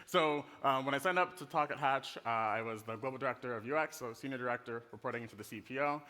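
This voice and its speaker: On a hall's conference stage, this Netherlands-based design director, a middle-aged man with an American accent, keeps his presentation informal, chatty and playful. He talks fast in a mid-range, sharp-edged voice. There's slight background noise and the hall reverberates.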